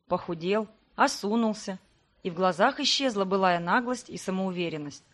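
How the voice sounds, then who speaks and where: A woman narrating a first-person novel in a measured, even reading. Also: mid-range voice. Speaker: audiobook reader.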